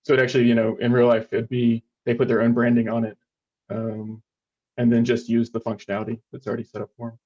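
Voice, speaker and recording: A man's voice: mid-range voice, monotone, fast, darkish tone, muffled recording. A man student casually demoing his project, rambling with lots of fillers and offhand remarks.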